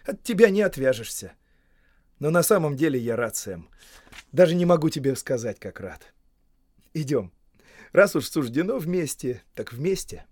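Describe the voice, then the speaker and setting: A man's voice: on the high side, very animated, moderate pace, pauses often, a little mellow, no room sound. A man voicing an earnest, weary young male hobbit who speaks in a firm, urging way in an audiobook. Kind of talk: audiobook character voice.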